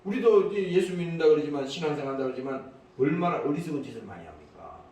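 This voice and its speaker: A man's voice: fairly high pitch, animated, fast talker, warm tone, slight background noise. A man preaching a sermon as pastor, emphatic and prodding his congregation with repeated questions. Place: church. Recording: echoey church hall, mic at a distance.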